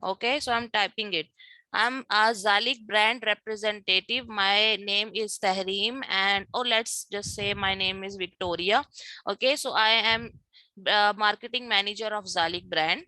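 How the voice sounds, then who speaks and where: A woman's voice: medium pitch, bright, forceful tone, no room sound. A woman teaching an online class, mixing Hindi-Urdu with English, patient and repeating herself, heard over a video call. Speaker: instructor. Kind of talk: online class lecture with role-play practice.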